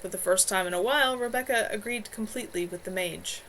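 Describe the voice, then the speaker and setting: Reading her fantasy book at a quick pace, this author has a medium-pitched, slightly bright voice. It's an amateur, stumbling reading streamed live from her home, with plenty of noise in the recording.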